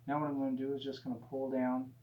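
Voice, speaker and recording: A man teaching painting in a gentle, easygoing, encouraging way, casually talking through each step as he demonstrates. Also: mid-range voice, completely flat delivery, fast talker. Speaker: painting instructor. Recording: dull, roomy sound with faint hum.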